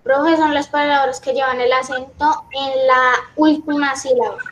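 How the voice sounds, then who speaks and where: A student answering in class, eager and calling out to the teacher again and again. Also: female voice, high-pitched, fairly even intonation, normal speed, fairly bright tone, a little hiss or hum, low-quality recording. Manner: eager, calls out "profe" repeatedly.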